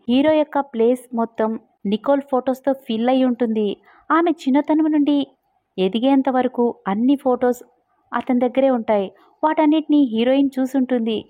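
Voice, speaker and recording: Woman narrating a drama recap, high voice, tinny dry phone-like sound. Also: dry recording.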